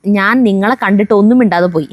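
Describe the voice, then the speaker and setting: A woman reads viewer comments aloud at a middle pitch, steady and chatty. She stops now and then for a quick joke. The sound is close and dry. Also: no room sound. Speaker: vlog co-host reading viewer comments. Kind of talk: reading comments aloud, casual chat. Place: outdoors at home on a windy day.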